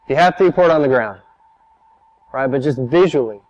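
A man's voice: mid-range voice, animated, a little fast, darkish tone, dry recording, lo-fi sound. A man preaching a sermon as a pastor, telling stories in a conversational, emphatic way.

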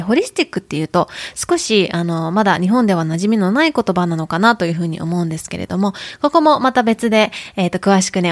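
A woman's voice: fairly low pitch, no room sound. Chatty woman podcast host, dry close sound. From Japan. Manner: friendly, chatty, many fillers. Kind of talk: casual podcast monologue.

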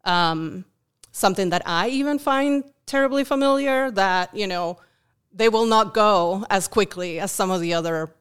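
This podcast interview guest, a food bank volunteer, is a woman from Uruguay who grew up speaking Spanish and carries a Uruguayan Spanish accent in her English. Her medium-pitched voice is clear and resonant at a normal speed. She's thoughtful, often saying "um" and starting sentences over.

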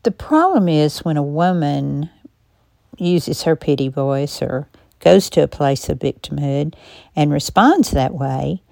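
Calm and reflective, she moves through her personal podcast monologue at a slow, measured pace, often pausing between ideas. Her voice is low, hoarse and gravelly, her English carries a non-native accent, and the recording is close-miked and dry.

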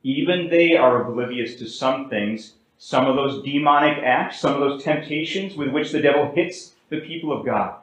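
A man preaches a sermon from the pulpit, his voice sitting in a middle register. He climbs and falls in pitch and loudness and stretches words out slowly to drive a point home. The church room around him is very echoey. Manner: preaching with wide swings in pitch and loudness, slowing for emphasis. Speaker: pastor. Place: church sanctuary.

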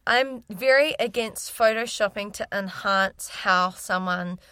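A woman's voice: medium pitch, measured pace, bright, forceful tone, clear, resonant tone, no echo. A young woman speaking candidly and chattily as a guest in a casual interview. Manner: candid, talkative. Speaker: fitness influencer, interview guest.

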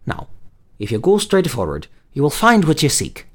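A man's voice: a little high, huge pitch swings, normal speed, husky, pitched above the performer's own voice, heavily acted. A man voicing a friendly little male hunter of the woods in a storybook reading. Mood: guiding. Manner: friendly, sprightly.

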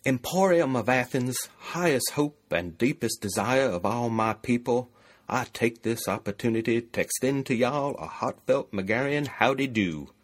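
A man's voice: mid-range voice, animated, moderate pace, voice pushed up, natural voice. A man doing a folksy Southern hick farmer. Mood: hearty. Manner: folksy drawl, hearty greeting. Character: rustic male farmer from Megara, a hick selling his daughters.

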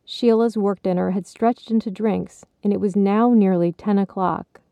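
A woman narrating her own written story in a slow, measured way. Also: medium pitch, steady tone, gravelly, mellow, no echo. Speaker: author and storyteller. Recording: slightly dull recording.

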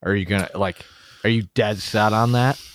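A man's voice: on the low side, steady tone, moderate pace. A man hosting a podcast, asking loose questions full of fillers in a casual chat. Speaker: podcast host.

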